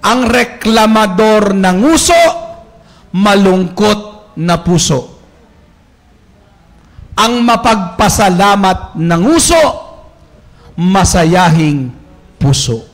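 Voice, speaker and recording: A priest giving a sermon, telling anecdotes in a chatty way and acting out quoted voices. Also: male voice, sits high, lively intonation, very slow, pauses often.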